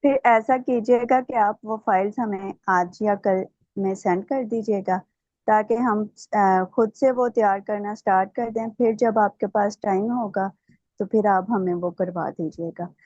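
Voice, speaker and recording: A woman student speaks up in an online class, polite and a little hesitant with her fillers. Her voice is mellow and dry, coming through slightly muffled call audio. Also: medium pitch, fairly even intonation, normal speed, no echo. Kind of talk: casual classroom talk.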